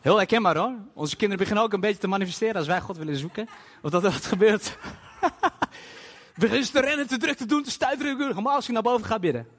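A man preaching a sermon to a congregation in a church hall, emphatic and animated, with bursts of loud emphasis and English phrases dropped in. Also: high voice, quick pace. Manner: scatters English phrases into his talk. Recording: long hall reverb.

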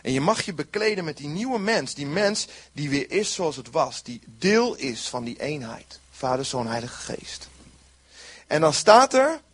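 A man's voice: on the high side, very animated, a little slow, slightly rough. A man preaching a sermon in an earnest way, repeating short phrases for emphasis.

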